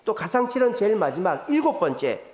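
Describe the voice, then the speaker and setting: A male pastor preaching a sermon in an animated way, putting rhetorical questions to the congregation. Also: high voice, brisk. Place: church sanctuary. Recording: echoey church hall reverb.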